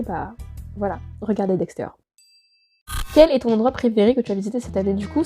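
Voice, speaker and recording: Fast-talking gushing young woman vlogger. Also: on the high side, warm tone. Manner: gushing, rambling, self-interrupting. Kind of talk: casual year-review Q&A vlog.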